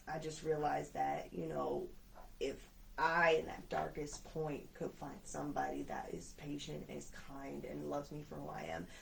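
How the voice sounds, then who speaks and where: A co-host tells a painful personal story in a soft, halting way, full of fillers. The voice is gravelly and sounds distant from the mic. A faint hum of room noise sits behind it. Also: medium pitch. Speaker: co-host, business partner. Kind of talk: personal testimony in casual chat.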